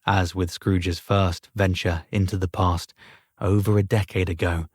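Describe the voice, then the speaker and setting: Low-voiced man narrating a story. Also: little pitch movement, unhurried, slightly rough, dry recording, clean studio sound. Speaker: audiobook narrator. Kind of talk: scripted narration.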